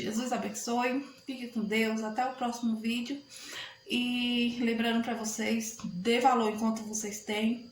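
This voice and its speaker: A woman, talking casually and warmly to her viewers in a vlog, often calling them "gente" and using religious phrases. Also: a little high, slight background noise. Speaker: vlogger. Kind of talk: casual heartfelt talk to camera. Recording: echoey room with faint ambience.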